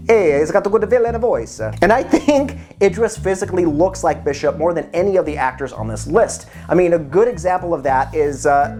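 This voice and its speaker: A man chats to the camera as the host of his own channel, joking and going off on tangents. His voice swings up and down a lot as he talks. Soft music plays quietly in the background. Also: a little high. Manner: animated and joking, with asides to viewers. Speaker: YouTube host. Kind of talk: casual fan-casting commentary.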